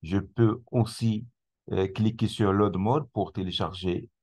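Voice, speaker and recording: A man presenting a screen-recorded software tutorial, explaining step by step with many hesitations and restarts. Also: lowish voice, steady tone, unhurried. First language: not English; speaks French.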